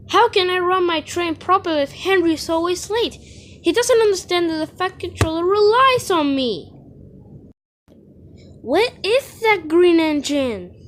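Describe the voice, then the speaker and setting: Woman as high, cheeky little Thomas the engine. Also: fairly bright tone, heavily acted. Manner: exclamatory, short repeated catchphrases. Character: cheeky, eager, impatient little male steam engine. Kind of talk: character voice reel, cartoon acting.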